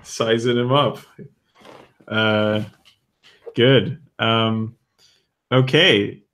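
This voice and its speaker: A man running a tabletop game as game master, relaxed and hesitant, with many fillers. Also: on the low side, very slow.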